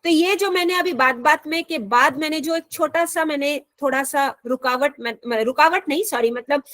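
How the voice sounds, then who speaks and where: A high-pitched woman from India teaching an English lesson, patiently repeating and rephrasing her points. She reads the English lines slowly, with an Indian accent. The recording is dry and close. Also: a bit bright, no room sound. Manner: slows down sharply to read English lines. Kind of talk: explaining a school English lesson in Hindi.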